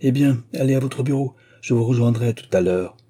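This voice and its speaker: A man's voice: medium pitch, moderate pace, dark tone, husky, pitched above the performer's own voice, lightly acted. A man reading the part of a smug, married middle-aged notary who presses his suit with cajoling questions. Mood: wheedling.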